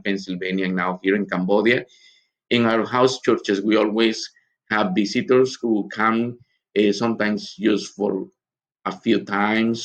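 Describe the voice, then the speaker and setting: A man from Guatemala, a missionary giving a recorded conference teaching talk in an earnest, halting way with many pauses. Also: on the low side.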